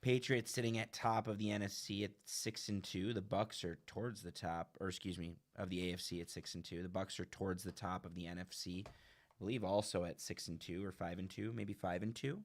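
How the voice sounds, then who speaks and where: A man's voice: low voice, fairly even intonation, brisk. A man co-hosting a casual sports podcast, thinking aloud and correcting himself as he makes his picks. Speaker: podcast co-host.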